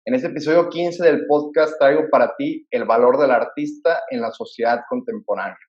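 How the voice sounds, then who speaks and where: A man's voice: mid-range voice, normal speed, dull audio. Male podcast host in an echoey room. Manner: earnest and admiring, reads introductions. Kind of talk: podcast interview hosting.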